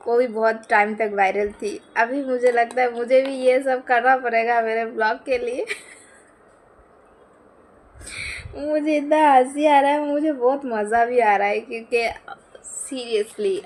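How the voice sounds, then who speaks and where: Chatty young woman. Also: on the high side. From West Bengal, India. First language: Bengali. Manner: chatty, giggly, rambling with many fillers. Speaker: lifestyle vlogger. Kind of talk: casual vlog chat.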